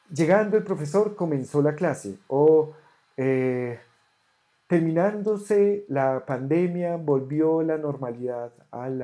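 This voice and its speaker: A teacher giving an online ancient Greek grammar lesson, patiently correcting homework and sounding out Greek words slowly. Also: medium pitch, warm tone. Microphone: camera on a desk.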